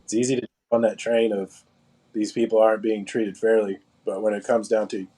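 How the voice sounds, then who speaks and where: A man in casual conversation, talking in a measured, reasoning way as a co-host. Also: fairly low pitch, little pitch movement, warm tone, rough recording.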